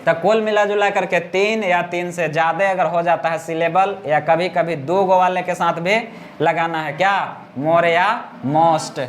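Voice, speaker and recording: A male teacher, teaching grammar in class, repeating words slowly and often asking his students whether they understood. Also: sits high, steady tone, a little hiss or hum.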